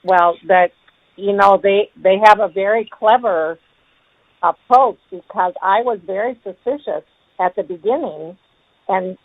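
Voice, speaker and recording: A woman on a phone call, the victim of a scam, speaking in a hesitant, halting way. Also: medium pitch, no echo. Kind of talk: phone conversation. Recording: tinny, dry phone line.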